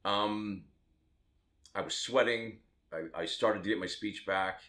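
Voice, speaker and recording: A man's voice: on the low side, slow, sharp tone. A man in his fifties from Las Vegas, a tattoo artist telling his own story to the camera in a candid, rambling way with self-mocking asides. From Las Vegas, Nevada, USA.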